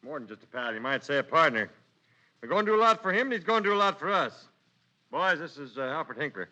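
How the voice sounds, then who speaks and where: A man playing a gruff gang boss. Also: on the high side, big pitch swings, fast talker, pushed and bright, voice pushed up, heavily acted. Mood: commanding. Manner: gruff, commanding.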